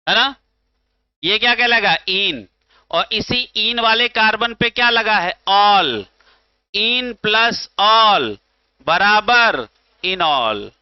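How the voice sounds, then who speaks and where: High-voiced, slow-talking Indian chemistry teacher. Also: male voice, clean tone, dry recording. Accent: Hindi from north India. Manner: asks students questions and answers them himself; calls students beta and bhaiya. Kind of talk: classroom lecture. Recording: slightly dull, dry sound.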